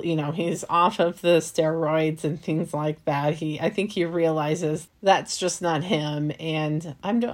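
A woman hosting a podcast, recapping a film in a rambling, casual way with fillers and soft laughs. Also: fairly low pitch. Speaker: podcast host.

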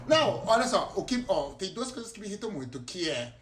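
A Brazilian man talking casually on a podcast, animated and quick to laugh, venting with acted-out quotes. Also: high-pitched, faint music behind. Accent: Brazilian Portuguese. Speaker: podcast guest. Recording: roomy echo.

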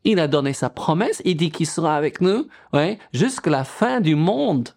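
A man's voice: on the high side, expressive, moderate pace, gravelly, a little mellow. A middle-aged male pastor preaching a sermon, quoting scripture and asking the congregation questions.

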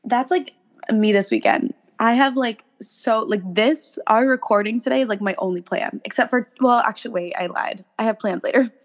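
A young woman co-hosting a casual chat, with a raspy voice from being sick and slangy talk full of "like". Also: fairly high pitch, moderate pace. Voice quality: smoker-like rasp. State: sick with a cough, voice roughened. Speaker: podcast co-host.

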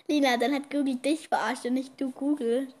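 A woman's voice: high voice, steady tone, normal speed, darkish tone. A girl of about ten or eleven hosting a casual podcast with her younger sister, chatty and a bit bossy. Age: child, about 10 to 11. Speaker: podcast host. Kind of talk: casual kids' podcast chat.

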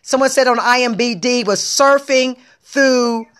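A woman hosting a casual podcast chat, talking animatedly and exclaiming loudly when she gets excited. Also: on the high side, a little slow. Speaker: podcast host.

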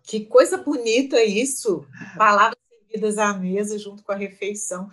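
A woman interviewing a guest, responding with warm, affirming remarks. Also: mid-range voice, steady tone, moderate pace. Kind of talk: conversational interview.

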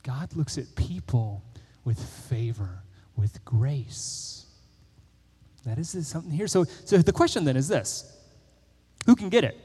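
A man's voice: mid-range voice, measured pace, husky. A young adult man giving a sermon as a pastor, talking in a loose, conversational way full of fillers and stories. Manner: conversational, animated storytelling with many fillers. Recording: long reverb of a church hall.

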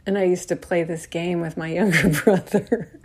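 A woman's voice: fairly low pitch, steady tone, normal speed, a little mellow, breathy edge. A woman hosting a podcast, talking through a casual reflective monologue in a rambling way, full of fillers and calling her listeners y'all. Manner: chatty, addresses listeners as y'all. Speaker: podcast host.

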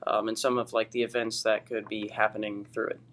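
A man's voice: on the low side, little pitch movement, a little fast, fairly bright tone, poor audio. A teenage boy hosting a school podcast, asking questions in a hesitant way with fillers. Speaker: student podcast host.

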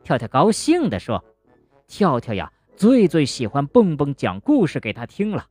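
A woman narrating a children's bedtime story gently and expressively, speaking to a young listener. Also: deep voice, huge pitch swings, normal speed, husky, no echo, faint music behind.

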